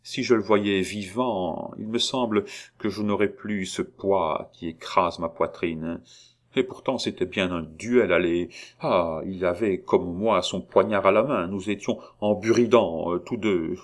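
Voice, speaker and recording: A man reading aloud, voicing a guilt-haunted aristocratic count who confesses in halting, agitated bursts. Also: low voice. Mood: pleading. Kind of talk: audiobook reading.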